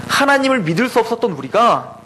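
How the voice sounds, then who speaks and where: A man preaching a sermon in church, animated, acting out quoted dialogue between God and Moses. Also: very high voice, fast, slight background noise, poor audio.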